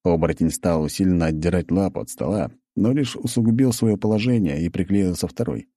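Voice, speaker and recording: A man narrating a first-person audiobook in an even, measured way. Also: sits low, no echo.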